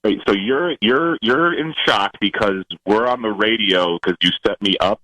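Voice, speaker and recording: A man's voice: lowish voice, moderate pace, bright, forceful tone, no echo, low-quality recording. A male caller on a radio show who gets defensive, stammers and raises his voice. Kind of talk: on-air phone call.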